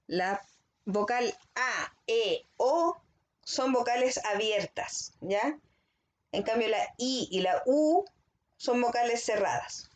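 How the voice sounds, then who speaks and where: Woman, teacher, slightly high voice, slow and careful, checks in often, children's lesson. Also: animated. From Chile. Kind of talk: recorded language lesson for children.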